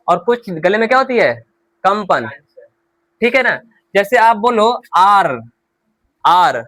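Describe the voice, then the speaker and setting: A man with a Hindi accent teaching English pronunciation, his voice high and his delivery slow and deliberate. He drills each word repeatedly, asking questions and answering them himself. The sound is dry and close. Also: fairly bright tone, dry recording. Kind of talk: spoken English lesson in Hindi.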